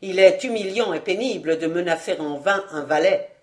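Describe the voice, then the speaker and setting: A woman reading aloud, voicing an insolent male valet who speaks calmly and mockingly. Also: lowish voice, natural voice. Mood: ironic. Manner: mocking, unhurried, calm.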